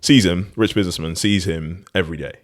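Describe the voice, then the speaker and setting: A man with a very low voice, chatting casually as a podcast host. He rambles and restarts his sentences, laughing often as he talks. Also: a little fast. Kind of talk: casual conversation.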